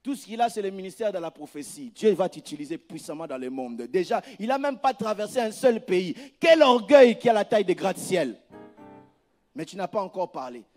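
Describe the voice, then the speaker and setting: A pastor preaching a sermon, with emphatic rises and soft asides, often repeating words as he searches for phrasing. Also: sits high, big pitch swings, fairly quick, few pauses, soft background music.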